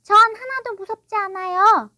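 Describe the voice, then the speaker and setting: A woman's voice: very high voice, normal speed, pushed and bright, no echo, studio quality, voice pushed up, heavily acted. A woman voicing a suspicious, stubborn little boy who talks coldly and defiantly. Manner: cold and defiant.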